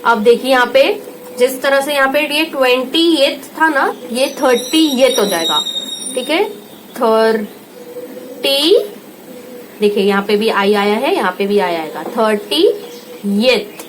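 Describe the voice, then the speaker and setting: An Indian woman tutor giving a home lesson, slowly repeating each word and checking in with her listener. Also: fairly high pitch, slight background noise, rough recording. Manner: slow patient repetition, checks in with "theek hai".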